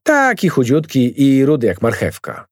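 A man voicing an excitable, nosy female neighbour who gushes and fusses over everything. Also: medium pitch, normal speed, no room sound, clean studio sound, voice pushed up. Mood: chatty. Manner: gushing, excitable.

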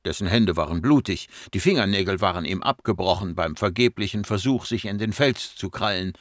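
A man narrating an audiobook in a measured storytelling voice that slows for dramatic moments. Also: low voice, no room sound, clean studio sound. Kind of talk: scripted narration.

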